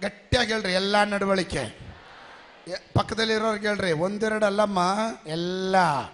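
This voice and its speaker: A male pastor preaching a sermon with call-and-response to his congregation, often swelling into shouts. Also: high voice, normal speed, slight background noise. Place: church worship hall. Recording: long reverb of a large hall.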